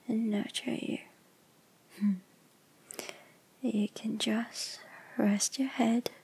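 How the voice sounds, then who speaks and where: Very breathy whispering woman, very slow. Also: a little high. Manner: soft unvoiced whisper, soothing and lulling. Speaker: ASMR creator. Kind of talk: whispered ASMR comfort roleplay.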